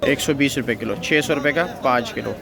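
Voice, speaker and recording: A man's voice: medium pitch, quick pace, gravelly. A man with a Pakistani accent vlogging market prices, questioning vendors and repeating figures. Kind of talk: spoken market vlog with short vendor exchanges. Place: outdoor wholesale vegetable market. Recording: busy outdoor market crowd and birds. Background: crowd chatter, birdsong.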